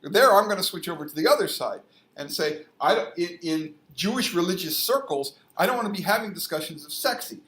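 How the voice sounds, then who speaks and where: A man's voice: sits high, expressive, fairly quick, a bit bright. A man in a casual debate, explaining religious values emphatically and repeating phrases to press his point. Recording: echoey room.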